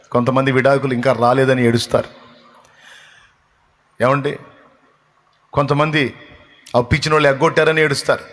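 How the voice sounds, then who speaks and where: A male pastor preaches a sermon with emphatic, repeating rhetorical lines. His voice sits fairly high and sounds bright and forceful, and it rings with a long hall reverb.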